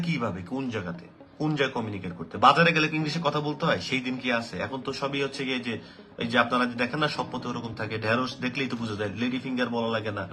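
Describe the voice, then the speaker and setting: A man giving an animated talk about learning English, asking rhetorical questions and slipping English phrases into his speech. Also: mid-range voice. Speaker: English teacher. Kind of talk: motivational talk to camera.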